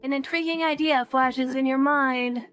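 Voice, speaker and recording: A woman streaming a video game, reading its text aloud in an even, measured way with brief comments of her own. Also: high-pitched, clear, resonant tone, soft background music. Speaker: let's play streamer.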